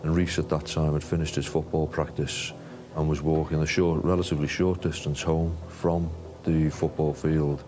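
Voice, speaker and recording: Interviewee: man, extremely deep, monotone, factual, music behind. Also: moderate pace. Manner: calm, factual. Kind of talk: documentary interview. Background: music score.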